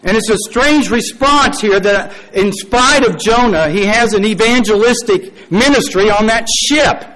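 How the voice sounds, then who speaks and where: A man preaching a sermon, telling a story with dramatic pauses, acted quotes and wry, folksy asides. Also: sits high, a bit bright, rough recording.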